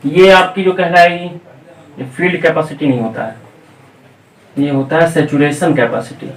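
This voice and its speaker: A male coaching teacher lectures in a classroom, walking through each idea step by step and checking in with the class. He slows down to dictate English technical definitions. His fairly high voice is picked up from a distance, with a lot of room echo. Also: fairly even intonation, slight background noise. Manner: explains step by step, checking in with repeated "theek hai". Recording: echoey room, voice off-mic.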